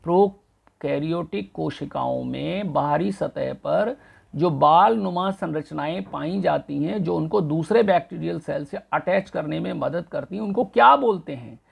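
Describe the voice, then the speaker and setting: A middle-aged professor lectures for an exam, unhurried and drawn out. His voice carries a rough, gravelly edge. He repeats each key answer and spells terms out letter by letter. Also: on the high side. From central India. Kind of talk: exam-prep lecture mixing Hindi and English.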